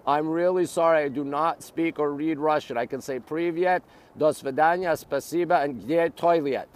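Outdoors by a city river, a live-stream host from Montreal, Canada shows off the sights in quick, exclamatory, repetitive bursts. He's middle-aged with a North American accent, and his voice sits on the high side at a normal speed.

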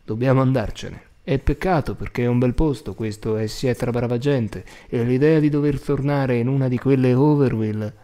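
A man reads a worried, hesitant father in a storybook. His voice is warm and low-keyed, slow to commit. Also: natural voice. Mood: resigned. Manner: hesitant, resigned.

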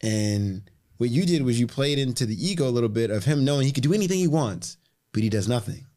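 A man's voice: medium pitch, lively intonation, fast talker, mellow. A man as podcast guest, talking emphatically with repeated phrases and casual swearing. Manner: emphatic, repetitive, swears freely, acts out quotes. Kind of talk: casual conversation.

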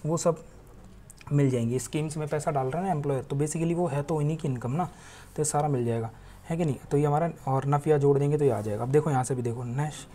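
Mellow-voiced male teacher explaining step by step. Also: on the high side, fast, a little hiss or hum. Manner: asks rhetorical questions and answers them, with frequent tag questions; mixes English terms into Hindi explanation. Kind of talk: classroom lecture explaining economics.

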